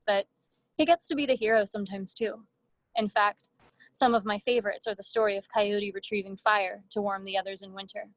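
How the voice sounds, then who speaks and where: A woman's voice: mid-range voice, fairly even intonation, no echo. Woman reading her fiction, dry sound. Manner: measured first-person reading with brief casual asides. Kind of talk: literary reading.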